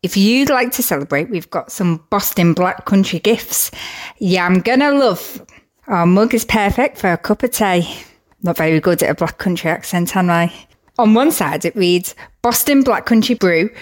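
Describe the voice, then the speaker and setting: Woman presenter, upbeat and chatty, scripted community update. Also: medium pitch. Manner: chatty and upbeat, with casual asides.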